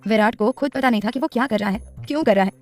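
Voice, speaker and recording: A woman narrating a romantic serial story, reading with expressive voices for the dialogue. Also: on the high side, very fast, soft background music.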